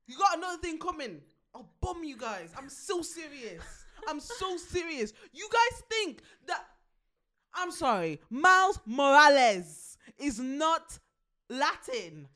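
A woman's voice: sits high, fairly bright tone. A young woman co-hosting a podcast, ranting, swearing and laughing through a casual chat. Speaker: podcast co-host.

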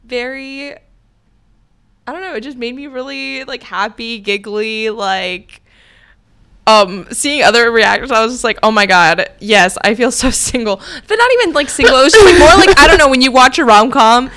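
A woman's voice: a little high, normal speed, fairly bright tone. A young woman co-hosting a movie podcast, chatting in a rambling, giggly way full of fillers. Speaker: podcast co-host. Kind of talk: casual chat.

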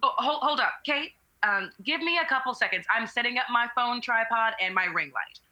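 A woman plays a smug social media influencer, breezy and mocking, slipping in sponsor plugs. Her tone is piercingly bright and a touch high. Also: expressive, brisk. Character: smug woman influencer, gleeful and self-promoting.

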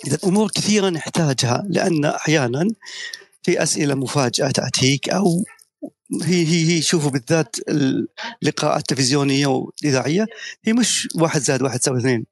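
Fast-talking man giving advice. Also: on the high side, lively intonation, dry recording. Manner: persuasive, lecturing, tells anecdotes. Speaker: guest speaker, media professional. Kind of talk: spoken talk on an audio chat room.

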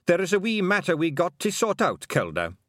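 A man voicing a tiny, gruff pixie chief with a Scottish accent, hesitant and coaxing. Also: high voice, huge pitch swings, a little fast, fairly bright tone, dry recording, studio quality, pitched above the performer's own voice, heavily acted. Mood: uneasy.

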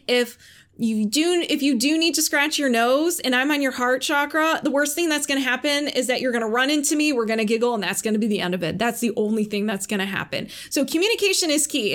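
Chatty higher-voiced woman podcast host. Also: a bit bright. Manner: chatty, acts out quoted voices, laughs easily. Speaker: podcast host and Reiki practitioner. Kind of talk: casual explanatory podcast talk.

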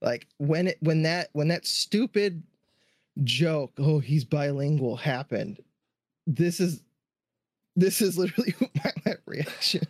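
A man co-hosting a podcast, talking through a movie in relaxed casual chat, full of 'like' and restarts. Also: a little high, takes it slowly, pauses often, no room sound, studio quality. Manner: relaxed, chatty, hedging with 'like'. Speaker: podcast co-host.

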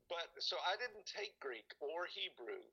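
Hesitant, bright-voiced man rambling through memories. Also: fairly high pitch, big pitch swings, takes it slowly, creaky, husky, dull audio. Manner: rambling, hesitant, searches for words. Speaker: guest recalling church experiences. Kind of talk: casual conversation.

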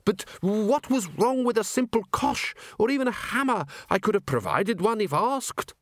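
A man voicing the ghost of a fussy male museum curator with a squeaky, trilling voice and a prim, indignant manner. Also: lively intonation, normal speed, dry recording, clean studio sound.

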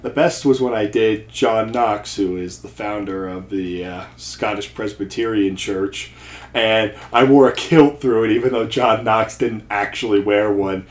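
A man's voice: lowish voice, measured pace. A man, a guest, chatting casually with dry, self-deprecating humor and frequent restarts. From New Jersey. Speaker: podcast guest, seminary student and accountant. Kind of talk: casual chat. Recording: echoey room.

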